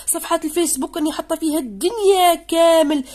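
A woman teaching English to secondary students in Algerian Arabic, going through an exam and reading out English words slowly, again and again. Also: very high-pitched, a little mellow. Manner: explains in dialect, reads English slowly and repeats words.

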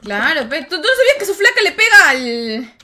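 Female gaming streamer, high voice, joking and chatty with chat. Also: big pitch swings, brisk, bright, forceful tone. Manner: chatty and joking, thanks viewers and reacts to play. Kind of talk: casual livestream chat while gaming.

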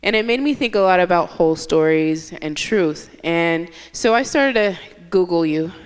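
A woman's voice: lowish voice, lively intonation, normal speed, clean tone. A young woman from Indiana interviewing a guest onstage, earnest and building her points in lists, speaking into a handheld mic. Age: young adult. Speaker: interviewer, host. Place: large hall stage, seated. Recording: long hall reverb.

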